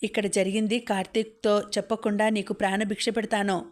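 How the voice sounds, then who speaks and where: A woman voicing a feisty, sharp-tongued rich young woman who scorns and threatens, in a storybook reading. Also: medium pitch, little pitch movement, brisk, lightly acted. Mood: threatening.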